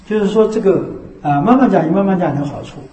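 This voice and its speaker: A man giving a Buddhist dharma talk as a teacher. He keeps checking in with rhetorical tags and slows into a measured recited cadence for scripture. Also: sits high, lively intonation, dark tone. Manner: repeats the tag "是吧" as a rhetorical check. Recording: echoey room.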